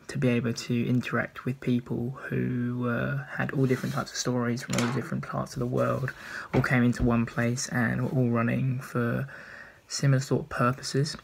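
A man's voice: mid-range voice, vocal fry, slightly rough. A young man chatting casually to his phone as a vlogger, held at arm's length. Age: young adult. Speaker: vlogger, volunteer marathon marshal. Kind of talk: casual vlog chat. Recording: handheld phone, noisy street and traffic.

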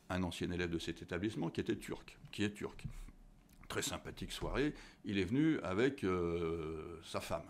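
Speaking in a low-pitched voice, a sixty-something history teacher answers questions as a guest, measured in pace but full of fillers and restarts. A desk studio microphone captures him in an indoor office with a tall window.

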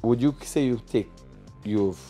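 A man's voice: mid-range voice, a little slow, warm tone, faint music behind. A middle-aged man with a Guyanese accent, bluntly hosting a casual podcast chat. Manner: blunt, profane, opinionated. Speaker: podcast host. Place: small studio lounge, on a leather couch. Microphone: boom mic on a stand.

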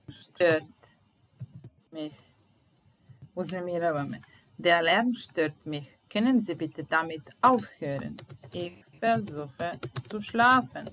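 A woman teaching a German lesson, saying sentences aloud and repeating each one slowly and carefully. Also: fairly low pitch, fairly bright tone, a little hiss or hum, low-quality recording. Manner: slow, deliberate repetition of phrases.

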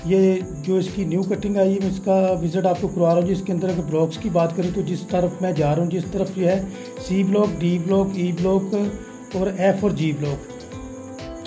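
A man narrating a walking property tour outdoors, reeling off prices and repeatedly addressing viewers. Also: high voice. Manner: repetitive, reels off prices, frequent "viewers" and "ji". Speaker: property dealer giving a site tour. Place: outdoors in a housing development.

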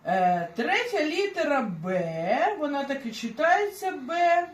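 A woman teaching a beginner language lesson, explaining slowly and patiently with examples. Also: sits high, sing-song, echoey room.

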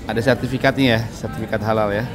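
A man's voice: lowish voice, fairly even intonation, rapid-fire. A man, chatting casually as he films a food and travel vlog. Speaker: vlogger. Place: busy theme park food hall and outdoor walkway. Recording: loud music behind the voice.

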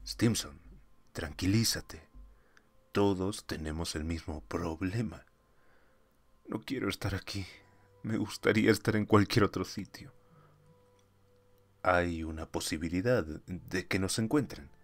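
A man's voice: deep voice, measured pace, long pauses, no room sound. Hollis: a man doing an urgent, tense astronaut. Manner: urgent, calling out. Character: tense male astronaut trying to stay in control.

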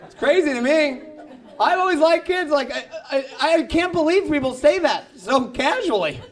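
High-voiced male stand-up comic, ranting. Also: lively intonation, moderate pace, a faint crowd. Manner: ranting, yells in acted outbursts. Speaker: stand-up comedian. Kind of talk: stand-up comedy set. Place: comedy club stage with live audience. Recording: live club recording, audience laughter.

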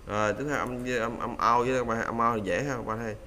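Guy teaching pronunciation, chatty, bright sharp voice, a little background noise. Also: medium pitch, fairly even intonation, quick pace. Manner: chatty, repeats sounds for students to copy. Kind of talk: casual teaching.

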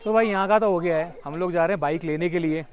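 Speaking quickly in a fairly high voice, a young man vlogs outdoors on a clip-on mic as he walks through a busy town market. The travel vlogger keeps it casual and chatty, sprinkling English words into his talk.

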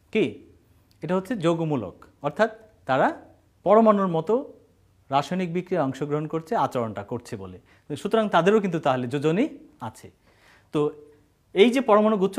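A male science teacher from Bangladesh runs an online class with a voice that sits fairly high for a man. He talks in a halting way, stopping mid-word to restart. He keeps throwing questions at the students and answering them himself.

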